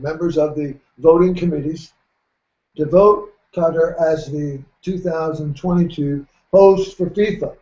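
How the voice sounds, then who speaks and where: Man, middle-aged, mellow voice, folksy sports talk host, roomy dull lo-fi recording. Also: fairly high pitch. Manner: measured, folksy, clears throat often. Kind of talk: radio talk show commentary.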